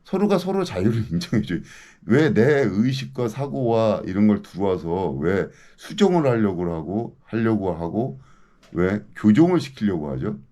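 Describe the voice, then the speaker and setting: A man in his fifties rants with mounting indignation, his pitch leaping and dropping in lively swings. His voice sits low and dark. Again and again he demands answers from the people he is addressing. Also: normal speed. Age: 50s. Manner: indignant, ranting, keeps demanding "예?". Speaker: local news commentator. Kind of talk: ranting monologue to camera.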